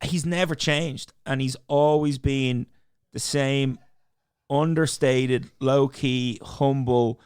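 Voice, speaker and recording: An Irish man co-hosting a podcast in casual golf chat, animated, swearing freely and often restarting his sentences. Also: medium pitch, takes it slowly, smooth, no echo, studio quality. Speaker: podcast co-host.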